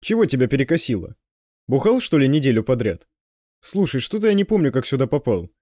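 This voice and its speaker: A man voicing a dazed, hoarse-voiced man just regaining his senses. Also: medium pitch, sing-song, fairly quick, a little mellow, no room sound, close to an everyday voice. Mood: bewildered.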